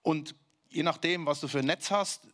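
A man preaches in a loose, chatty way, his voice sitting somewhat high. He puts questions straight to his listeners and sinks low and slow when he wants a point to land. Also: fairly bright tone. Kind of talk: sermon.

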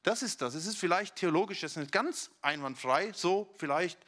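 A man preaching a sermon to a congregation, talking to his listeners directly in a lively, conversational way. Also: sits high, normal speed.

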